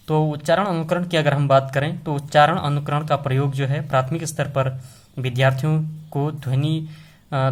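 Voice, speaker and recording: Hindi-speaking man giving an exam-prep lesson. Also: medium pitch. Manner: explains step by step with many fillers and tag questions. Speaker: teacher.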